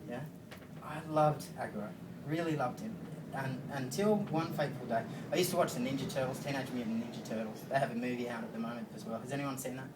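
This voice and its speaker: A man's voice: medium pitch, fast. An Australian man doing a stand-up comedy set, telling a rambling story loosely, with fillers and swearing. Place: comedy venue stage. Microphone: phone recording from the audience. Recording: roomy, distant phone recording with faint noise.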